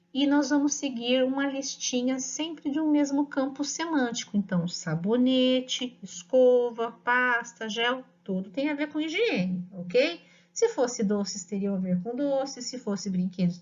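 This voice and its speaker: A middle-aged woman teacher with a Brazilian Portuguese accent, patiently explaining to parents and dictating words slowly. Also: on the high side. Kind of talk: instructional talk to parents. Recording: dull lo-fi audio.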